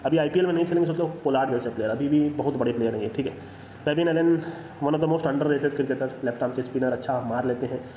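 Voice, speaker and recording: A man's voice: medium pitch, warm tone, a little hiss or hum. A man giving casual, opinionated cricket commentary over slides, making confident predictions and dropping English phrases into his talk. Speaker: cricket analyst. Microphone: voice-over, no speaker seen. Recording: echoey, dull lo-fi room sound.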